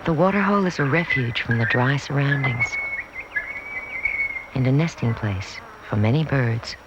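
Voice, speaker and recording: A man giving calm, measured, poetic scripted narration for a nature documentary, heard from a worn VHS tape copy. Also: medium pitch. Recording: dull hissy worn videotape dub.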